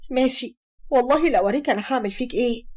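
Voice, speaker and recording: A woman's voice: a little high, racing, darkish tone, lightly acted. A woman with an Egyptian accent voicing a harsh, scheming mother who scolds sharply. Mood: angry. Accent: Egyptian Arabic.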